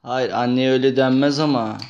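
A young man gently and patiently questioning his little daughter in a casual, playful chat. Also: mid-range voice, fairly even intonation, a little fast, dull audio, a little hiss or hum.

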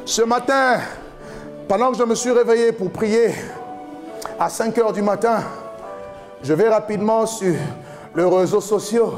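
A man in his forties preaching an impassioned sermon from a church stage into a handheld mic, often shouting in a chanting cadence. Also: high voice, a little slow, pauses often, soft background music. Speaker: pastor. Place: large church hall with a stage, indoors.

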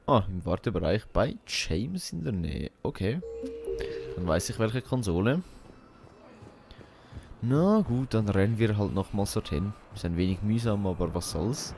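Casting: male gaming host, fairly deep, chatty and colloquial, thinking aloud over faint game sound. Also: expressive, a little slow, creaky, a little mellow, slight background noise. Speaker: let's play host. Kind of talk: casual game commentary.

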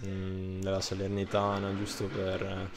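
After the match, a young football player in his 20s speaks in a low, flat, creaky voice, unhurried and hesitant with many fillers and restarts. A crowd can be heard behind him in an indoor room under a ribbed ceiling, as an interviewer holds out a handheld microphone.

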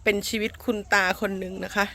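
Sharp-toned and quick, this woman narrates her own homemade comedy skit as if it were a documentary, mock-earnest and playful, ending sentences politely. She's outdoors in a rural garden, and the amateur recording picks up plenty of noise.

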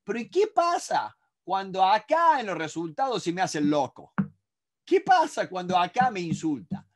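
Male negotiation instructor with a Rioplatense accent, raised pitch, direct and emphatic lecture delivery. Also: big pitch swings, normal speed. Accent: Rioplatense Spanish. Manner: emphatic and repetitive, addresses the audience directly; acts out others in quoted asides. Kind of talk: recorded masterclass lecture.

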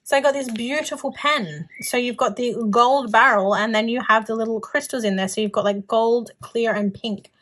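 Her voice sits a little high and bright, steady in tone, moving at a moderate pace with few pauses. She's a young Australian planner vlogger showing off her shopping haul, chatting informally and gushing about each item.

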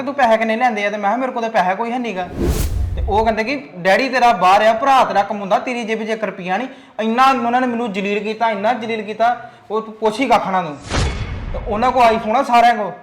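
A man playing a spoiled, demanding younger son in his late teens, whining fast in a home-made family skit. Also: sits high, a little hiss or hum, natural voice. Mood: petulant. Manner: whiny, demanding, fast-talking. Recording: echoey room, faint music.

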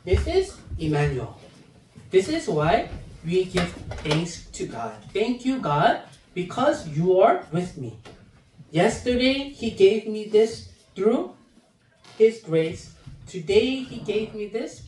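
A man's voice: high voice, big pitch swings, takes it slowly, a little mellow, a little hiss or hum. A man in his thirties, an assistant pastor, preaching to young people in front of a chalkboard, speaking into a handheld microphone and acting out children's moods with playful voices. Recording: roomy echo, mic heard from a distance.

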